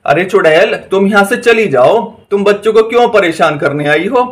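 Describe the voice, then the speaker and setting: High-voiced man narrating a doll story. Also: lively intonation, moderate pace. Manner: eager, exclaiming and repetitive.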